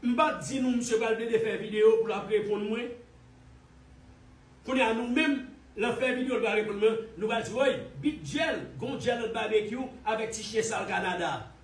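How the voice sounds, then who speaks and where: Haitian guy ranting online, mocking and repetitive, kinda high voice, far off the mic. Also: fairly even intonation, normal speed. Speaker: commentator. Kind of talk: heated online commentary. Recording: roomy echo, distant from mic.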